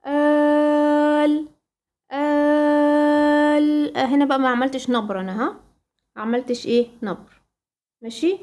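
Egyptian lady teaching quran recitation rules, fairly high voice, keeps asking "what?" and repeating herself. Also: a little mellow. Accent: Egyptian Arabic. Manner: quizzes listeners with prompt questions and repeats key terms. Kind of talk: tajweed lesson.

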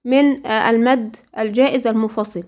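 A woman with an Egyptian accent teaching Quran recitation rules, asking her students questions and answering them herself, sometimes drawing out example words slowly. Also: fairly high pitch, fairly even intonation, a little mellow. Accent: Egyptian Arabic. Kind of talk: interactive lesson with students.

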